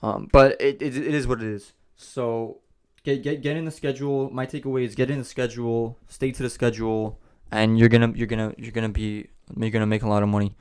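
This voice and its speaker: A man's voice: mid-range voice, fairly even intonation, a little fast, hardly any pauses, darkish tone, clean tone. A man hosting a business vlog, talking casually to camera and repeating himself as he rambles. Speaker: host of a business channel.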